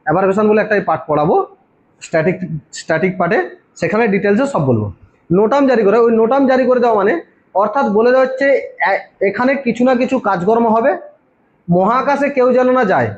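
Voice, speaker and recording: A man, peppering the room with questions and then answering them himself. The recording is dull and lo-fi. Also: high voice. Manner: quizzes students constantly, answers his own questions. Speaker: exam coaching teacher. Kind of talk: informal classroom lecture.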